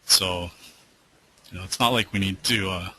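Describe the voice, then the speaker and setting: Low-voiced man with a bright, forceful tone. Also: a little slow, slightly rough, poor audio. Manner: loose, rambling, many fillers and restarts. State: losing his voice. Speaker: trading webinar host. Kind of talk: casual live webinar Q&A.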